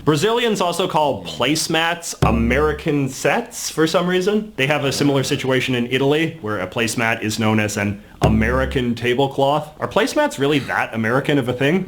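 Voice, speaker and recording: A man's voice: medium pitch, animated, brisk, few pauses. A man narrating a video in a scripted, matter-of-fact way, telling travel anecdotes.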